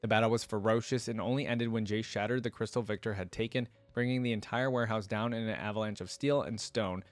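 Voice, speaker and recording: A young adult man hosts a reaction video indoors at a desk, reading lore aloud and making casual comments into a close desk microphone. His voice is fairly low in pitch, and there's no echo.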